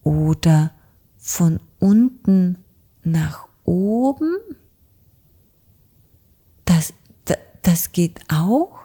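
A woman's voice: fairly low pitch, lively intonation, extremely slow, pauses often, dark tone, slightly rough, exaggerated voice. A woman voicing a timid little male blackbird in a children's audiobook, stammering nervously over his words. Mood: astonished. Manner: stuttering.

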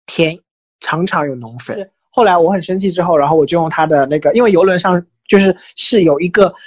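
A man's voice: a little high, brisk, dry recording. A man co-hosting a podcast, telling gossipy stories in casual chat, mixing in English phrases. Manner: animated, gossipy storytelling mixing Chinese and English. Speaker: podcast co-host.

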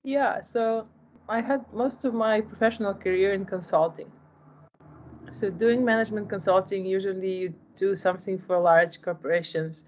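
A woman in her forties, a startup founder from Ukraine who was raised in Poland, answers interview questions earnestly. Her mid-range voice comes through a muffled recording, and she often restarts sentences and repeats words.

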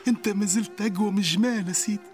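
An actor with a southern Tunisian accent playing a devoted son who gently coaxes his sick father to eat. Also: sits high, steady tone, racing, soft background music, natural voice. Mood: coaxing. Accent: southern Tunisian Arabic. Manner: gentle, coaxing, soothing. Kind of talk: radio drama acting.

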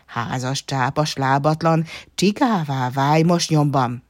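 A woman's voice: low-pitched, dry recording, studio quality. A woman voicing a hot-tempered, cheeky little girl fairy who shrieks and teases. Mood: angry. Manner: shrieking, teasing.

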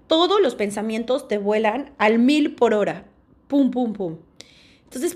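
A woman's voice: a little high, a little mellow. A woman hosting a podcast, speaking animatedly from personal experience and acting out anxious inner thoughts. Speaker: podcast host. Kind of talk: personal talk about panic attacks.

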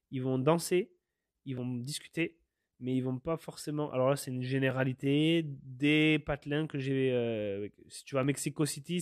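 A man's voice: medium pitch, darkish tone, dry recording, studio quality. A French man hosting a podcast, talking in a passionate, rambling way, repeating himself and swearing now and then. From France. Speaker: podcast host. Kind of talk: casual monologue. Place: living in Canada.

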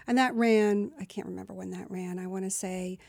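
A woman's voice: mid-range voice, fairly even intonation, a little fast, vocal fry, a little mellow, no echo. Woman voiceover artist guest, from New Jersey, chatty and rambling, dry. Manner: chatty, rambling, many asides. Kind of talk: casual interview chat.

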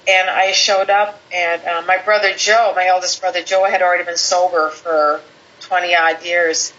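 A woman guest telling a personal story in conversation, animated, quoting people in lively voices. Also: lowish voice, moderate pace. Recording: slightly dull lo-fi audio with faint background hiss.

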